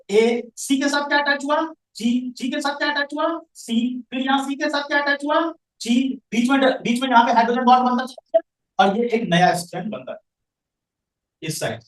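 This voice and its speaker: A man's voice: very high-pitched, a bit bright. A male science teacher lecturing a classroom, quizzing students and answering his own questions. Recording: echoey room, voice from far off the mic.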